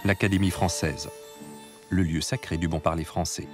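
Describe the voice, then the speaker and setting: A man giving measured, scripted narration for a documentary. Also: deep voice, steady tone, music in the background.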